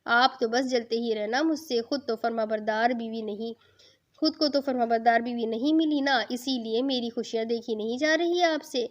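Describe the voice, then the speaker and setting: A woman's voice: fairly high pitch, natural voice. A woman doing a teasing young bride. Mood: playful teasing. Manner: chatty, playfully bossy. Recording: dull lo-fi.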